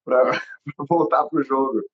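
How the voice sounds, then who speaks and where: This Brasília-born young man hosts a relaxed podcast interview, speaking slowly in a steady, mid-range voice. He rambles, restarts sentences, leans on fillers and laughs frequently, all in dull lo-fi sound.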